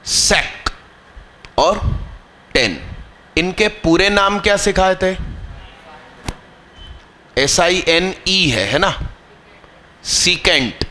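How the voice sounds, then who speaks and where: A man teaching math live to a class, quizzing students, drilling terms slowly and scolding anyone not paying attention. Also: high voice, animated, bright, forceful tone, slight background noise. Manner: scolding, teasing students mid-lesson.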